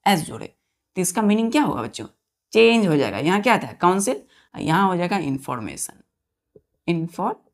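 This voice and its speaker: A woman's voice: on the low side, big pitch swings, a little fast. A woman teaching an English grammar lesson for exam preparation. She repeats key words, spells them letter by letter, and keeps quizzing her students, whom she calls children. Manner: addresses listeners as children. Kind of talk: online exam-prep lesson.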